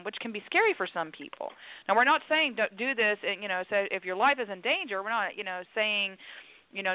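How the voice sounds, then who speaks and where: Woman radio host, coaching tone, mid pitch, lo-fi phone sound. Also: no echo. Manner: friendly, restarts often, coaching tone. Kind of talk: casual advice talk.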